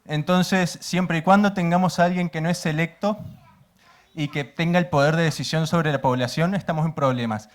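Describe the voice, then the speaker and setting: A man in the audience of a panel, earnestly and carefully posing an open question to the speakers. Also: fairly high pitch. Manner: earnest, measured, uses inclusive language. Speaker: audience member asking a question. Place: university auditorium.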